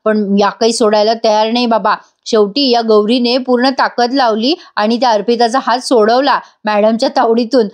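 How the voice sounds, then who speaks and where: A woman narrating an episode recap in a voice-over, telling the story with lively exclamations and speaking to viewers. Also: fairly high pitch, normal speed, few pauses. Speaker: TV show reviewer.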